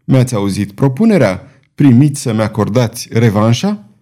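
Un bărbat care dă glas unui spadasin mândru și batjocoritor, guvernator de fortăreață, vorbind lăudăros și cu ton ridicat, provocator. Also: male voice, medium pitch, big pitch swings, mellow, lightly acted. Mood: mocking. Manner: boastful, taunting, triumphant. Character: proud, mocking adult male swordsman, fortress governor.

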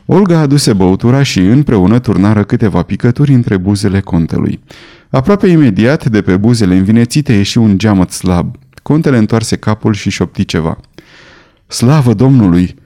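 A man reading a novel aloud in measured, dramatic audiobook narration. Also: on the low side, lively intonation, mellow. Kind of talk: scripted narration.

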